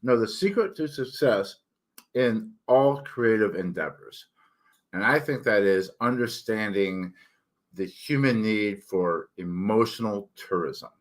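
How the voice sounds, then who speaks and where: Talking slowly in a lowish, animated voice, a middle-aged man rambles candidly and pokes fun at himself on his own author channel. His speech sounds thick and tongue-heavy, slightly slurred.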